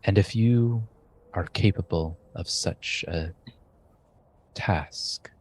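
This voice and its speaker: A man's voice: low-pitched, a little mellow, a little hiss or hum. A man doing a grave blind shaman. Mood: solemn. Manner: slow, grave, measured delivery.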